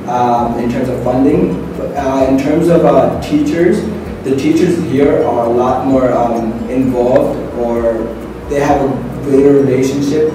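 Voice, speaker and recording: A man from Sierra Leone answering interview questions in a measured way, pausing now and then with ums. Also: mid-range voice, far from the mic, noisy background. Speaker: student interviewee. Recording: echoey room with background music.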